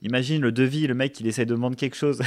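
A man's voice: mid-range voice, fairly even intonation, fast, dry recording. A young man in casual chat, telling an anecdote with animation and laughing through it.

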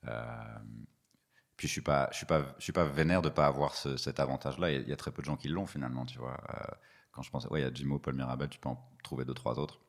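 Super deep voiced comedian guy, talks fast, slangy and chill, kinda rambly. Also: steady tone, creaky. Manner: slangy, laid-back, rambling. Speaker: stand-up comedian. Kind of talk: casual interview chat.

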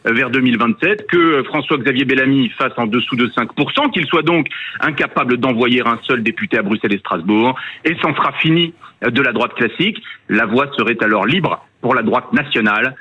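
A boxed-in, tinny remote line carries a Frenchman's voice, dull and lo-fi, with a slightly husky edge. He speaks with a French accent from France at a lowish pitch, delivering political commentary as a radio editor. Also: brisk, sharp tone. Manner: boxed-in, muffled sound as if speaking inside a tin can. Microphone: remote call connection.

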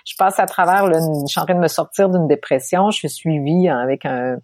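Woman, Québécois accent, interview guest, animated storyteller, fairly low pitch, dry recording. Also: brisk, dry recording. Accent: Québécois French. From Quebec, Canada. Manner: animated, laughs often while telling stories.

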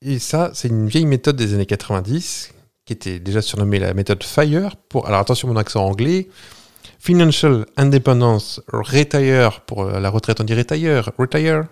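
A man's voice: lowish voice, lively intonation, brisk, darkish tone. A man co-hosting a podcast, explaining a topic in a chatty, jokey way with fillers and restarts. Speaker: podcast co-host. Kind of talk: casual chat.

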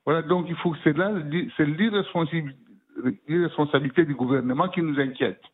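Man leaving a halting voicemail. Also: a little high, husky. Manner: halting, repeats words while searching for them. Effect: voicemail message played on air. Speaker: radio listener caller. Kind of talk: spoken opinion message. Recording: tinny phone-line voicemail.

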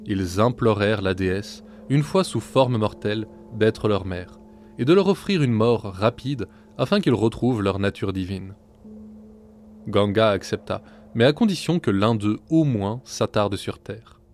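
A man telling a myth as a storyteller in measured, scripted narration. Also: on the low side, animated, a little mellow, slight background noise.

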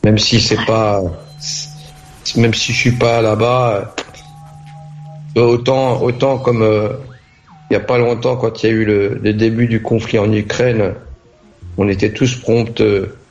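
A man's voice: lowish voice, little pitch movement, unhurried, pauses often, lo-fi sound. A man hosting a live talk show, speaking earnestly and hesitantly as he thinks aloud, with faint music behind. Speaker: host. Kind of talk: casual live discussion.

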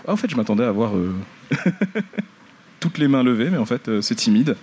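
A man's voice: mid-range voice, lively intonation, a little fast, darkish tone, a little hiss or hum. A man moderating a public forum, inviting questions with a teasing, joking manner.

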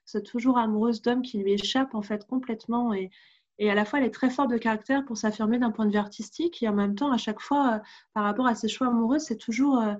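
A woman's voice: fairly high pitch, darkish tone, lo-fi sound. A woman with a French accent hosting a podcast and chatting casually about books. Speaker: podcast host. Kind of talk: casual book discussion.

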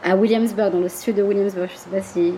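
A woman from Marseille who runs a tour company, chatting in a casual interview, animated, with frequent laughs and hesitant fillers. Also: medium pitch, a little fast, slight background noise. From Marseille, France. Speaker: guest, tour company owner.

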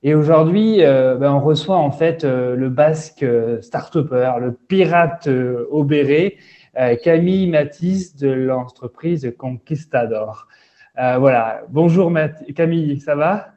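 A man's voice: on the high side, a little slow, mellow, muffled recording. A man hosting a podcast interview, talking with many hesitations and fillers. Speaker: podcast host.

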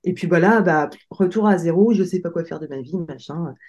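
A woman in her late thirties, a podcast guest telling her story in a relaxed, hesitant, conversational way. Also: on the low side, brisk, muffled recording. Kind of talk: casual conversational interview.

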